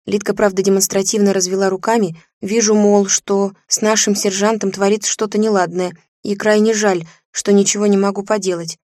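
A woman narrating an audiobook in a measured, lively reading. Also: medium pitch, no room sound, studio quality. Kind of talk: scripted narration.

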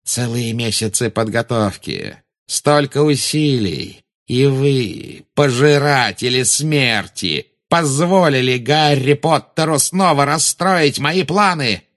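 Voldemort, a cold, menacing dark lord, as a man reads him. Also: medium pitch, lively intonation, pitched above the performer's own voice. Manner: slow, silky, menacing.

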